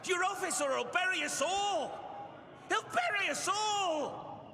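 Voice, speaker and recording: A man's voice: very high-pitched, lively intonation, takes it slowly, sharp tone, raised voice, full character voice. An actor playing an anguished, pleading ghost man in a video game, with a strained ghostly voice. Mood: desperate shouting. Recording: long ghostly reverb, faint noise.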